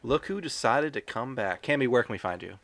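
A man's voice: medium pitch, expressive, brisk, a bit bright. A man co-hosting a movie podcast, bantering casually in a dry, teasing way. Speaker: podcast co-host.

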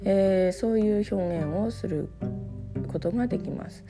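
A Japanese woman giving a relaxed English lesson while getting over a cough, with a hoarse voice and lots of fillers. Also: mid-range voice, moderate pace. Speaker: English teacher. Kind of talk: casual spoken lesson. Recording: guitar music playing behind.

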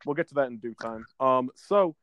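A man's voice: mid-range voice, animated, moderate pace, a bit bright. A man co-hosting a casual podcast about a video game, rambling and often stumbling over his words. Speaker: podcast co-host.

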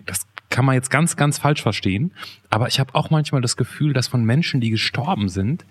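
A man with a slightly husky voice hosts a podcast conversation. He is thoughtful and often restarts his sentences. His pitch is mid-range. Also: animated, a little fast.

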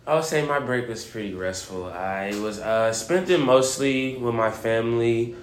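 A young man from Waco talks easily on a student podcast at an ordinary middle pitch. His phrasing is loose and rambling, and he stays relaxed. The room is echoey. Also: moderate pace. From Waco, Texas. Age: young adult. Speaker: podcast co-host, student community leader. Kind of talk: casual podcast chat.

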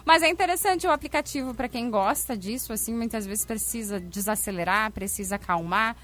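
A woman's voice: on the high side, brisk, a bit bright. A woman radio host, chatting casually with co-hosts and listeners.

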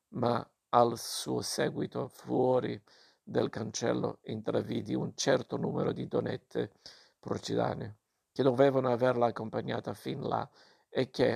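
A man reading a novel aloud, in slow and measured reading with small slips. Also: medium pitch, gravelly, darkish tone, breathy edge. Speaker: reader.

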